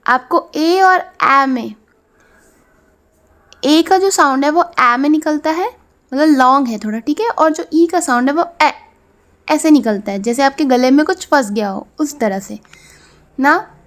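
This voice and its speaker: Indian-accented female phonics teacher, high voice, unhurried, sounds out each letter. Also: fairly bright tone. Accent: Indian English. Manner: slow, drawn-out sounding of letters; repeats "theek hai" to check understanding. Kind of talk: classroom phonics lesson.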